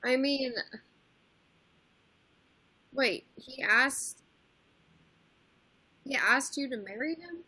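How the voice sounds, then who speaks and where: A woman's voice: sits high, expressive, very slow, pauses often, sharp tone, husky, no room sound, poor audio. A woman in her twenties hosting a casual livestream chat, blunt and swearing freely, squealing when grossed out. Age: 20s. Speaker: livestream host.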